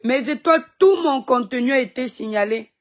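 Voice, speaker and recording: A woman's voice: high voice, expressive, fairly quick. Chatty woman live-streaming with a sore throat. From Cameroon. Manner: chatty, greets viewers by name, defiant toward critics. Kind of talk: casual live-stream chat greeting viewers.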